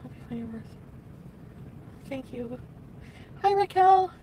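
Woman, tearful and shaky, casual livestream talk, somewhat high voice, phone in a noisy car. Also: lively intonation, slow pace, lo-fi sound. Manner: tearful, emotional, greeting viewers by name. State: upset after crying. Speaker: livestream vlogger. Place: in a car, driving.

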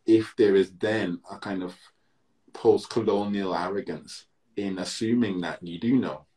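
Deep-voiced British man, thoughtful. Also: steady tone, measured pace, dark tone. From Britain, Barbadian heritage. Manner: thoughtful, many restarts and "you know" fillers. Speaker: interview guest, musician. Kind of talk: reflective conversation. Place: indoor room at home. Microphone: video call.

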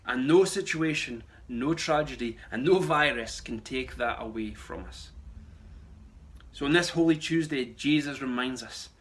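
Speaking at a measured pace in a mid-range voice, a thirty-something pastor gives an earnest, emphatic short sermon to camera indoors in a small home room, returning again and again to key phrases.

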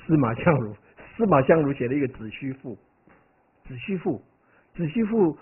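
Male monk-lecturer, conversational and digressive, expressive voice, lo-fi phone-quality audio. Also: a little high, moderate pace. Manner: conversational, keeps asking "right?"; animated, digressive storytelling. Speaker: Buddhist monk teaching. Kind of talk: dharma lecture. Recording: tinny, phone-like lo-fi recording.

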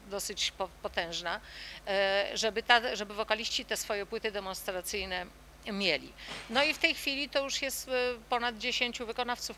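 A middle-aged woman who leads a children's song group answers interview questions in a thoughtful way, pausing often with fillers and restarts. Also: mid-range voice, bright, forceful tone, a little hiss or hum.

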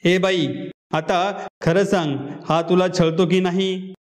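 A man's voice: sits high, little pitch movement, slow pace. A man voicing an impatient police officer who questions people sharply and scolds them. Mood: stern.

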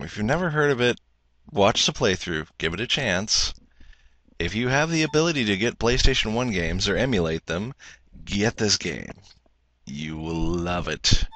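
Male let's player: lowish, very sharp and animated, casual wry commentary over faint music. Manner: wry asides. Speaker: let's play host.

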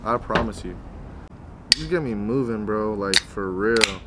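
A man's voice: fairly low pitch, measured pace, heavy background noise. A young man talking casually to viewers as a fitness vlogger, in a hyped, slangy gym-bro manner. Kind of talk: casual vlog chat to viewers.

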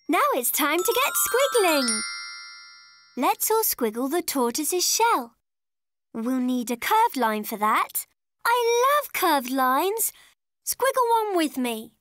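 A woman's voice: very high voice, exaggerated voice. A woman playing a cheerful childlike children's show presenter, encouraging and singsong like a kids' party magician. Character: Squiglet, cheerful childlike drawing-show character.

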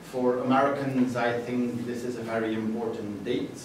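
A man's voice: medium pitch, steady tone, normal speed, noisy background. Theatrical male poet in an echoey hall. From Belgium. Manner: theatrical, swings between chatty asides and sung, shouted lines. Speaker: performance poet. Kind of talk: live spoken-word performance. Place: festival stage before a live audience. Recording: echoey hall, mic from far off.

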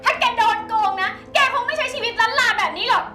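Very high voice, scornful angry young woman played by a woman, music under. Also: fast. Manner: scornful, then shouting and groaning. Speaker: cheated daughter confronting a swindler. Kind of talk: short film acting.

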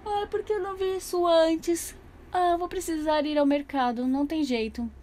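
A toy channel narrator voices a chatty, fashion-loving young woman doll, narrating its day sweetly and talking to viewers as she plays. Her voice is very high-pitched yet darkish in tone, steady and at a moderate pace.

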